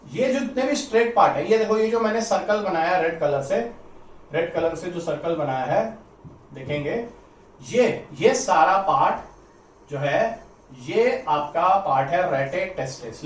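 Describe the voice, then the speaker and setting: In an exam-prep biology lecture, a man with a voice on the high side repeats his points, urges students to listen carefully, stretches key terms out slowly, and mixes English words into his explanation. The recording is roomy and echoey, with a somewhat distant mic, faint ambience and slight background noise.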